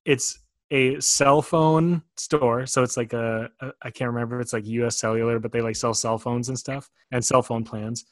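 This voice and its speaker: A man's voice: medium pitch, flat delivery, fast, hardly any pauses, no echo. A man from Wisconsin co-hosting a podcast in a chatty, rambling way, laughing easily. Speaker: podcast co-host. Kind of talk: casual chat.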